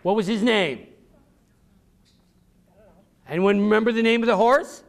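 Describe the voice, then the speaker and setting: A creaky, high-pitched American man speaks a little slowly as he performs a story for children at a public library. The author and speaker keeps things theatrical and encouraging, using simple, emphatic lines.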